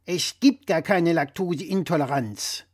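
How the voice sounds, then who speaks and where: A man voicing a blustering, opinionated, old-fashioned father who lectures loudly and with emphasis. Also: fairly high pitch, a little slow, slightly rough, no room sound, studio quality.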